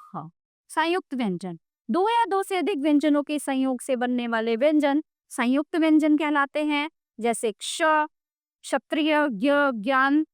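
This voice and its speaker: A woman's voice: high voice, fairly bright tone, no echo, clean studio sound. A woman teaching a grammar lesson, explaining patiently and often checking in with the listener.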